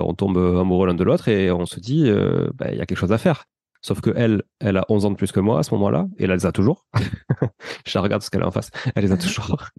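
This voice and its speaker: A man of around forty with a Toulouse accent speaks in a low, gravelly, mellow voice. He tells his story as a chatty interview guest. The sound is dry and close. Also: no room sound. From France. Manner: chatty, addresses the host with "tu vois".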